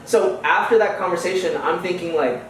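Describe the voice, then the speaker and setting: A young man with a high-pitched, fairly bright voice talks a little fast as a podcast guest. He comes from Houston, United States, and keeps the interview chat easygoing and slangy, packed with fillers. The audio has echo, faint noise and distance from the mic.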